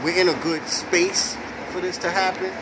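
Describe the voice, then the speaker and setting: A middle-aged man, from Brooklyn, leading a spoken prayer in a preacherly, measured way, recorded on a phone at night on a city sidewalk under an elevated train. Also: high-pitched, little pitch movement. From Brooklyn, New York. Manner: preacherly, measured, emphatic pauses. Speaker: prayer leader in an online group. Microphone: phone camera at arm's length. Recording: very loud passing train noise outdoors.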